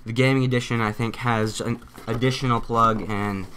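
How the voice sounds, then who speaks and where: A man giving a casual unboxing and setup tutorial, excitable and chatty, often poking fun at himself. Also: medium pitch, normal speed, slight background noise. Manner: excitable, chatty, self-mocking. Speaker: gaming YouTuber.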